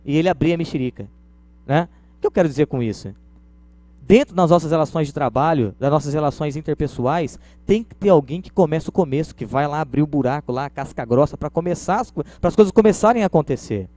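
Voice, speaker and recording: A man's voice: on the high side, expressive, fast talker, warm tone. A Brazilian man giving a conversational lecture, illustrating points with everyday stories. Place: lecture room.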